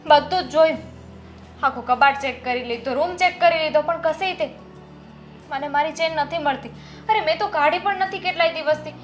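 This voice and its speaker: A woman's voice: sits high, normal speed, faint music behind, lightly acted. An actress playing a young daughter-in-law who anxiously pleads about something she has lost. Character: young daughter-in-law upset over a missing gold chain. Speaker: actor in a web drama.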